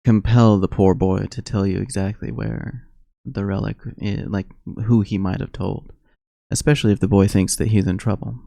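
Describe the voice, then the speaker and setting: A man voicing a thoughtful, cautious woman adventurer with an Eastern European accent, deliberate in speech. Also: lowish voice, fairly even intonation, gravelly, dark tone, dry recording, clean studio sound.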